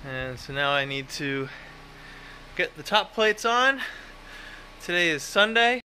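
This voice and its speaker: His voice is on the high side, expressive, slow, pushed, and bright, with a little hiss or hum in the audio. He's a home builder vlogger in his thirties, casually rambling with fillers and self-deprecating comments as he films his house build in the woods on an arm's-length phone.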